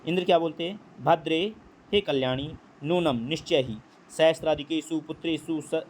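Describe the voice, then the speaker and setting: A man's voice: on the high side, a little hiss or hum. Man teaching Sanskrit line by line. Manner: reads Sanskrit slowly, then explains in Hindi. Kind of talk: line-by-line translation lesson.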